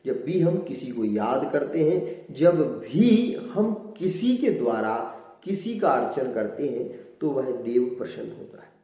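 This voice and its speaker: Man, Hindi accent, astrologer, mellow voice, chants verses, heavy room echo. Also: mid-range voice. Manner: slow, measured, chants Sanskrit verses. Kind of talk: devotional advice talk. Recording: very echoey room.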